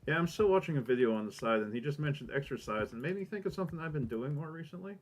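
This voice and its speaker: A man's voice: on the high side, expressive, racing. A man giving casual, rambling gameplay commentary, thinking aloud, with a minor lisp that makes his S sounds whistle and hiss. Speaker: gamer recording a let's play.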